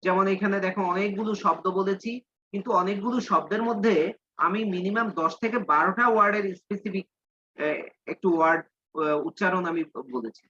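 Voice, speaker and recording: A male English teacher giving a class lesson, reading English lines slowly and explaining them in Bengali. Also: high-pitched, pushed and bright, no room sound, muffled recording.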